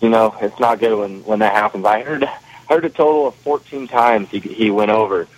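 A man's voice: lowish voice, normal speed, no room sound. Man calling in over the phone. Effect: heard over a phone line. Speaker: off-road racer calling in as guest. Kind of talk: phone-in interview.

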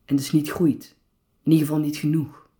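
Woman coach doing a solo podcast, lowish voice, calm and thoughtful, a few ehms. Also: brisk. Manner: calm, reflective, with some filler hesitations. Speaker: podcast host and personal coach.

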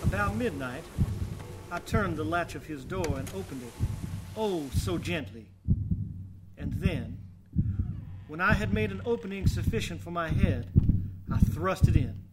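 A man's voice: sits high, lively intonation, heavy background noise. An actor playing a proud, troubled younger man in a drama, speaking in formal, brooding phrases. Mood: hushed menace. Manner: measured, brooding, formal diction. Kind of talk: dramatic acted monologue and dialogue.

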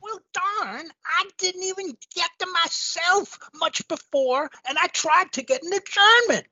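A high voice playing a whiny young male prosecutor who talks in folksy country slang. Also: bright, forceful tone, exaggerated voice. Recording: muffled lo-fi audio.

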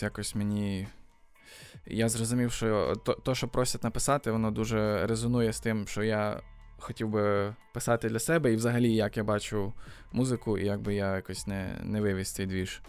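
A man's voice: on the low side, a little mellow, clean tone. A man, a rapper and songwriter, answering interview questions in casual chat, thoughtful and hesitant with many fillers and restarts. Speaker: podcast guest, rapper and songwriter.

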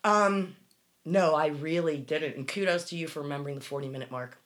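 Woman, lowish pitch, podcast host, casual, emphatic, rambling. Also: a little fast. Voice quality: smoker's cough. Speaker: true crime show host.

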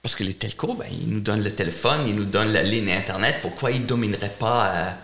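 A middle-aged man from Germany speaking French as a second language with a German accent, answering interview questions in a halting way, often repeating words. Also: lowish voice, a bit bright. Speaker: portfolio manager, interview guest.

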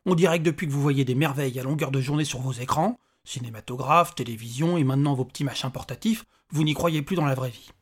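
A man's voice: medium pitch, quick pace, few pauses, slightly rough, lightly acted. A man reading aloud and voicing a tiny, bald, bearded male imp who talks in an irritable, sarcastic rant. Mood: exasperated. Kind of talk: audiobook character voice.

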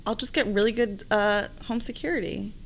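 A woman's voice: medium pitch, a little fast, slight background noise. A woman co-hosting a casual podcast chat, playful and giggly. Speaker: podcast co-host.

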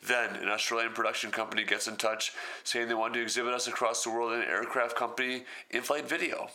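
A man's voice: medium pitch, flat delivery, quick pace, bright, forceful tone. A man reading a story aloud and breaking off for wry, sarcastic comments.

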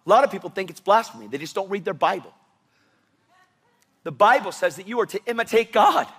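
A man preaching a sermon, animated and impassioned, with sudden loud bursts. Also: high voice, brisk, slightly rough.

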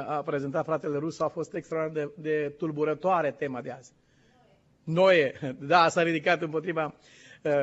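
Pastor guy preaching hard, high voice, asks the crowd stuff, muffled lo-fi recording. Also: a bit bright. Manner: impassioned, quizzes the congregation. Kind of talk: sermon. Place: church in the United States. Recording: dull lo-fi recording.

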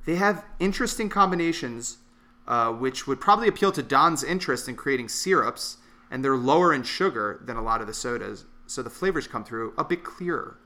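A man co-hosting a podcast in a casual chat, excitable and jokey and quick to laugh. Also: medium pitch. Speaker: podcast co-host.

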